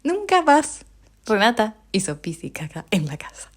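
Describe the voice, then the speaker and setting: A woman with a Rioplatense Spanish accent hosts a podcast and tells a personal story in a lively way. Her voice sits at an ordinary middle pitch and leaps up when she gets excited. She laughs often and fills her talk with small hesitations. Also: moderate pace. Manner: animated, laughing often, with frequent fillers and pitch jumps. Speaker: podcast host.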